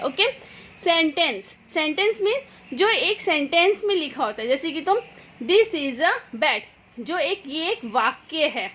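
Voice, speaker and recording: Slow, patient high-voiced woman teacher. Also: a bit bright, slight background noise. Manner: patient, repeats sounds slowly; checks in with "theek hai" often. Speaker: English teacher. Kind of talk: slow spoken English phonics lesson.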